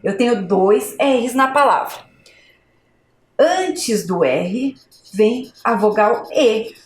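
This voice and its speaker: A Brazilian woman teaching a video lesson to young children, with slow, clear, exaggerated pronunciation. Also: on the high side, expressive. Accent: Brazilian Portuguese. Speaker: primary school teacher. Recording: echoey room.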